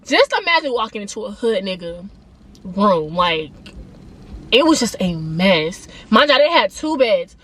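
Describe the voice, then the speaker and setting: A young woman vlogger telling a story casually, slangy and animated, acting out the people she quotes. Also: mid-range voice, measured pace, a little hiss or hum.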